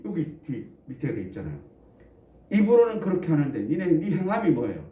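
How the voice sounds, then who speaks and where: A man's voice: on the high side, huge pitch swings, fairly quick, mellow. Man, pastor, sermon, conversational, asks the congregation questions, jokes between points, distant muffled recording. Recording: echoey room, distant dull mic.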